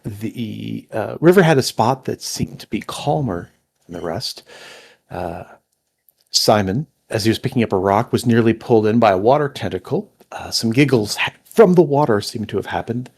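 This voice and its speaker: Male GM, gravelly and husky, animated delivery, halting narration. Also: lowish voice. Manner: lively, halting narration with many fillers. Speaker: game master. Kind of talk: narrating a tabletop game.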